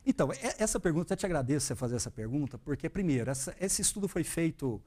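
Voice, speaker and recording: A man's voice: a little high, quick pace. A man in his thirties from Brazil, a guest speaking earnestly and with animation about his path as an investment educator. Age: 30s. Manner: earnest, animated, quotes his own thoughts. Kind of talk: interview, reflective storytelling.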